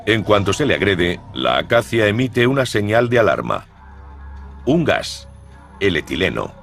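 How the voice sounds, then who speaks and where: A man narrating a nature documentary in a scripted, measured, suspenseful storytelling manner. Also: on the low side, very animated, vocal fry, over music.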